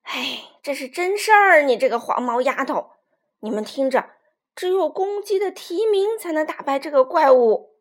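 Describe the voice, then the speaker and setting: A woman plays a jittery male rooster who runs an inn in a children's storybook, always loud and insistent. His voice rides high and leaps dramatically up and down. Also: expressive, normal speed. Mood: alarmed. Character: frightened, blustering innkeeper rooster, male adult.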